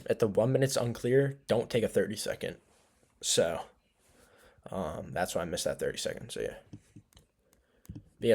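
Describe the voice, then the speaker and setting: Young male vlogger, sleepy, rambling and filler-heavy, low gravelly voice; casual screen-share recap. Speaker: trading vlogger.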